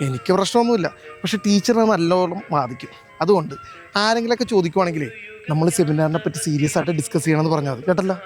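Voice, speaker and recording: A man's voice: fairly high pitch, very fast, faint music behind, close to an everyday voice. An actor playing a stern, cautious male schoolteacher, lecturing in a matter-of-fact way.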